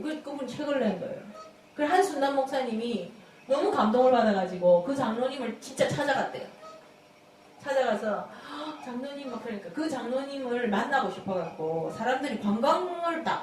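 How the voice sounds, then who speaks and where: A woman's voice: a little high, a little hiss or hum. A woman telling folksy testimony stories as a Bible study teacher. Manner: animated, folksy storytelling with frequent laughs. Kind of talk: storytelling testimony sermon. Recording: very echoey room, distant mic.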